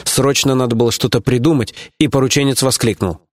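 A man narrating an audiobook in a steady, even storytelling manner. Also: medium pitch, a little fast. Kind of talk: scripted narration.

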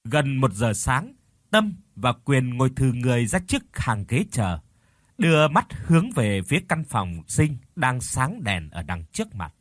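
A man's voice: mid-range voice, big pitch swings, unhurried, no echo, clean studio sound. A man narrating a horror audiobook expressively, voicing the characters as he reads. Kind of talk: dramatic horror story narration.

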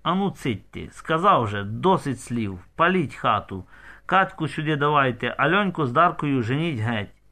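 A man's voice: mid-range voice, expressive, moderate pace, sharp tone. Man doing a crude village ringleader barking orders. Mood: commanding. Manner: curt barked orders.

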